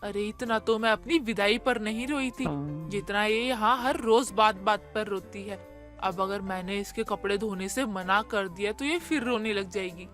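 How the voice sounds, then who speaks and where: A woman voicing a stern middle-aged mother-in-law in an animated story, scolding and exasperated. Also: mid-range voice, normal speed, soft background music, natural voice. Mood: grumbling.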